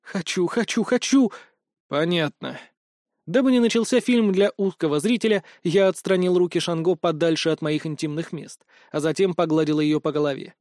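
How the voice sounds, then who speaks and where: A man reading a first-person audiobook in a wry, lively manner. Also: on the high side, fairly quick, few pauses, no echo, studio quality. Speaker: audiobook narrator. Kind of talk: scripted first-person narration.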